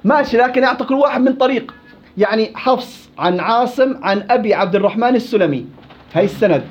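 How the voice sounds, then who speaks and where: Male recitation teacher; high-pitched and quizzing, on a muffled lo-fi recording. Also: expressive, fast, soft background music. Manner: questioning, explains with examples and quoted verses. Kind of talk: classroom lesson with questions to students. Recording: dull lo-fi classroom recording.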